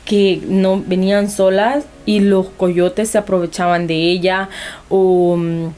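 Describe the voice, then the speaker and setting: In this personal interview, the anonymous guest is a young woman from Honduras with a warm, mid-range voice and level tone. She talks slowly and earnestly, repeatedly beginning sentences again.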